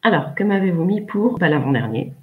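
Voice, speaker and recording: A woman's voice: lowish voice, big pitch swings, brisk, phone-quality sound. A woman teaching English pronunciation in an online class, patiently correcting pupils one by one by name.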